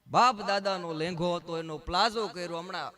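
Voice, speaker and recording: A man's voice: sits high, bright, forceful tone. A male stand-up comedian from Gujarat, telling jokes in a chatty storytelling manner at a live show. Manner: chatty storytelling, quick punchlines.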